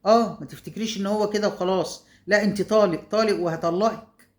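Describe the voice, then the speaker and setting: A woman's voice: mid-range voice, fast talker, darkish tone, lightly acted. A woman voicing a callous, cheating husband who owns a shop, brusque and dismissive, with an Egyptian accent. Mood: harsh. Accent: Egyptian Arabic.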